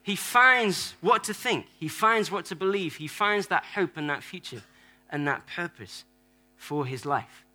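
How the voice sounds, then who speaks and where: High-pitched and expressive, with a sharp tone and an unhurried pace, a preacher gives a playful sermon in a church hall. He plays various church members, uses audience props, and trades jokes with the congregation.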